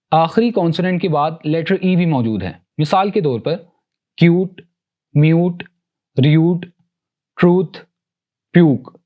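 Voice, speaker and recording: A man teaching English pronunciation, explaining rules and slowly sounding out example words one by one, switching between Hindi-Urdu and English. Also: on the high side, lo-fi sound. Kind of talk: recorded lesson.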